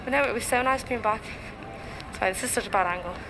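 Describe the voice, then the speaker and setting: Higher-voiced young woman, noisy city vlog. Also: quick pace. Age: young adult. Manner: chatty, informal. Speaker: student vlogger. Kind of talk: casual vlog chat.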